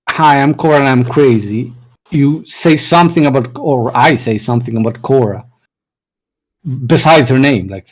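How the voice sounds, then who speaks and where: A man's voice: medium pitch, gravelly, darkish tone, low-quality recording. A man talking casually on a voice call about writing, rambling and correcting himself as he goes. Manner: rambling, many fillers and restarts, self-correcting. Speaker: writing advice speaker. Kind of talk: casual conversational talk.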